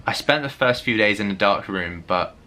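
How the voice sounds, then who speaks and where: Young guy vlogging, kinda low voice but bright, chatty, says like a lot. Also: animated, moderate pace. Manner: candid, chatty, full of "like" fillers. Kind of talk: personal story vlog.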